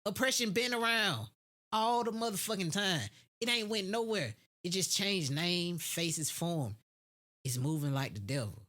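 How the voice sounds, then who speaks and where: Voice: mid-range voice, animated, a little slow, sharp tone. An American speaker in a casual, unscripted opinion monologue, blunt and heavily profane, using street slang and repeating phrases for emphasis. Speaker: podcast host.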